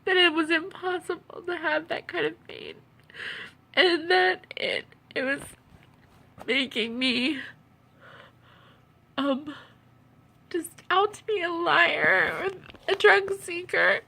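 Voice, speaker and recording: A tearful, upset woman who sounds as if she has been crying, giving a halting personal monologue in which she repeats her phrases. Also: very high-pitched, gravelly, pushed and bright. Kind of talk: personal video monologue about own experiences.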